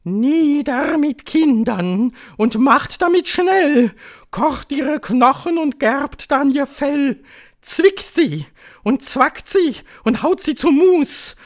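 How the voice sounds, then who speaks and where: A man voicing a cruel old female witch queen, shrill and commanding, gloating in clipped declarations for an audiobook. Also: animated, slow, heavily acted. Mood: chanting. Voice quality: shrill, thundering. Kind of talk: audiobook reading.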